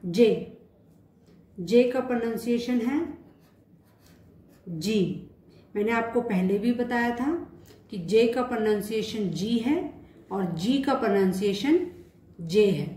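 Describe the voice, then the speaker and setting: A woman teaching the French alphabet, naming each letter and slowly repeating example words. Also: fairly high pitch, mellow. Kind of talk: slow alphabet lesson in Hindi. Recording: roomy echo.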